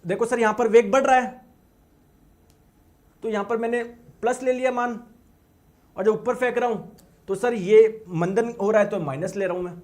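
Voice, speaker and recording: A man's voice: high voice, fairly even intonation, moderate pace, long pauses, a little mellow. A man teaching a physics lesson to exam students with lots of energy, repeating words for emphasis and asking the class yes-or-no questions.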